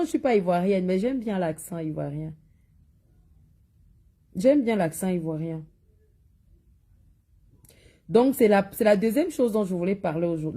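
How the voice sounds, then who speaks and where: A woman's voice: lowish voice, mellow. A woman with a Cameroonian French accent selling spiritual products, talking bluntly in a live video and scolding viewers with repeated warnings. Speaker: seller of spiritual and cosmetic products. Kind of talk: live social media monologue.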